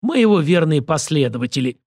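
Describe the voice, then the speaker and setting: A hoarse, hissing dead man raised from the table, as a male narrator puts him on. The rasp sits a little higher than a normal man's voice and drags slowly, in a dry, close recording. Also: sing-song, a little mellow, no echo. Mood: menacing. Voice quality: rasping, hissing. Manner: slow, drawn-out with clacking teeth. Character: hoarse reanimated male corpse, menacing fanatic. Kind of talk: audiobook character voice.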